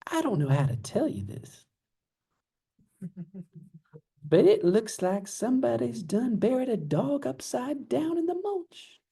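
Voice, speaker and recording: A man's voice: extremely high pitch, big pitch swings, unhurried, creaky, long pauses, dark tone, husky, voice pushed up, heavily acted. A man voicing a startled, prim woman caller with a Southern US accent. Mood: hushed.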